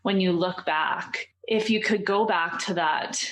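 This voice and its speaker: A woman hosting a podcast interview, gently affirming her guest and asking reflective questions. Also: on the low side, measured pace, rough recording. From Canada. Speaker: podcast host, nurse.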